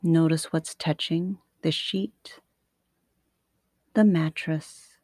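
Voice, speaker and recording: A woman guiding a sleep meditation like a sleep story narrator, soothing and unhurried, with long pauses between short phrases. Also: low voice, fairly even intonation, darkish tone, dry recording, clean studio sound. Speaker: yoga nidra meditation teacher.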